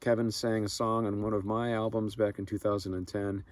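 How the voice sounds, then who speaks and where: Easygoing man with many pauses. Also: lowish voice, no echo. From Minnesota, United States. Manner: relaxed, many filler uhs. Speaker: vlog host on a bicycle tour. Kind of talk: casual outdoor video update. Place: outdoors by a lake in the rain.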